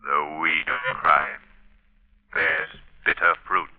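An actor playing a menacing, all-knowing avenger in an old radio drama, with a theatrical, ominous delivery. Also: male voice, rumbling low, little pitch movement, takes it slowly. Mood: sinister, gloating. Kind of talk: 1930s radio drama acting. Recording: tinny vintage radio, faint music.

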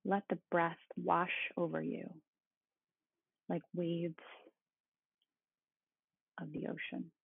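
A meditation guide speaking in a calm, meditative tone with a husky, creaky voice. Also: mid-range voice, slow, long pauses. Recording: roomy, phone-like thin sound.

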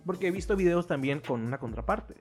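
A man with a Mexican accent chatting on a podcast, telling lively stories full of slang and casual swearing. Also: fairly high pitch, quick pace, soft background music. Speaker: podcast co-host.

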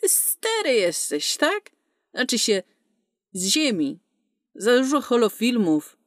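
A woman's voice: fairly high pitch, wildly swooping pitch, takes it slowly, dry recording, clean studio sound, heavily acted. A woman voicing a foul-mouthed, sarcastic young female space smuggler in a storybook reading. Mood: brash. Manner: cursing, sarcastic, tough.

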